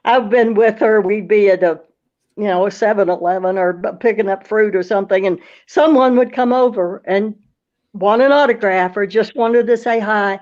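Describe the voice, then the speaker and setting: A woman's voice: medium pitch, moderate pace, a little mellow, highs cut off. A woman with a Brooklyn accent, reminiscing casually and earnestly as an interview guest.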